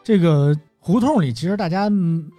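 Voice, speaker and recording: A man with a Beijing accent telling stories in casual conversation, explaining things deliberately and pausing to find words. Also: sits high, expressive, mellow, no echo, faint music behind. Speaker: guest storyteller. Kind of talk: casual storytelling chat.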